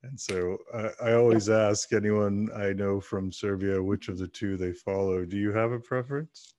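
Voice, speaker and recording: A man's voice: on the low side, steady tone, moderate pace, a little mellow, dry recording, studio quality. A man hosting an interview podcast, reading sponsor messages and an introduction, then chatting with many hesitant fillers. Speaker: podcast host.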